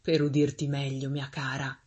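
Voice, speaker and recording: A woman voicing a sly, soft-spoken male wolf in a fairy tale, talking low and coaxing. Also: completely flat delivery, moderate pace, slightly rough.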